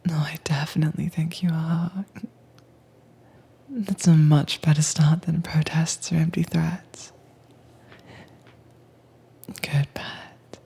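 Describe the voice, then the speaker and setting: This is soft-spoken roleplay from an audio drama actress: in a low, breathy whisper near the mic, she portrays a calm agent in command of a caged werewolf. Her manner is teasing, cool and never rushed.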